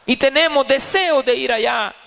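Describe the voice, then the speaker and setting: A man's voice: extremely high pitch, moderate pace, gravelly, sharp tone. A man preaching a sermon as pastor, emphatic and repeating key phrases. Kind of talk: sermon at a Bible study. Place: church. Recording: reverberant church hall.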